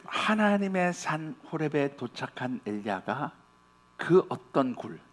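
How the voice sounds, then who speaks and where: A male pastor delivering a sermon in an earnest, direct way. His voice sits at an ordinary middle pitch. He retells the scripture stories in plain, casual language for the congregation.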